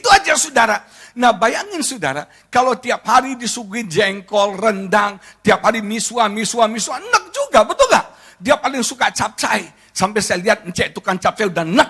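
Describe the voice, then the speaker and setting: Animated high-pitched male preacher. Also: breathy edge. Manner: joking, animated, addresses the congregation often. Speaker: pastor. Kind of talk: lively humorous sermon.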